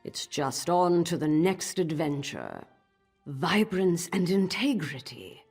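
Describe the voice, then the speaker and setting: A woman voicing an imperious old wizard master in a fantasy game, husky, formal and haughty in a measured delivery. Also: fairly low pitch, big pitch swings, darkish tone, faint music behind, full character voice. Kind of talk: fantasy game dramatic acting.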